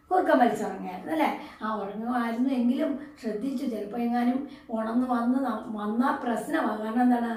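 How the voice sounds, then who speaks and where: A woman teacher with a somewhat high, mellow voice, talking through a story lesson. She keeps asking her pupils questions and answers them herself. She is heard from some distance in a very echoey room. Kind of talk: explaining a story lesson to a class.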